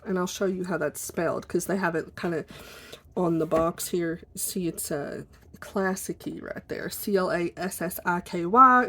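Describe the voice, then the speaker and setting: A woman chatting casually and informally at her desk for a video, in an apologetic, rambling way, with a squeaky chair that may creak behind her. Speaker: video blogger. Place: at a desk indoors.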